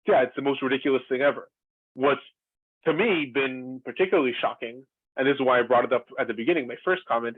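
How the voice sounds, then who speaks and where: Over dry, tinny video-call audio without room sound, an Israeli former lecturer carries on an earnest, drawn-out discussion, thoughtful but full of fillers and restarts. His voice is mid-range and slightly rough.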